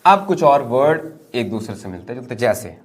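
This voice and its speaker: A man's voice: medium pitch, very animated, normal speed. A man teaching English vocabulary to students in a classroom-style lesson. He drills words by repeating them, asks rhetorical questions, and calls his viewers children.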